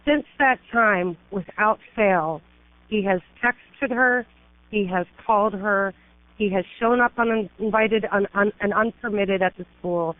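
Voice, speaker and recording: Unhurried and mid-range, the voice belongs to a middle-aged woman attorney making an emergency call by telephone. Though urgent and pleading, she piles up emphatic complaints, and the tinny line carries no room sound.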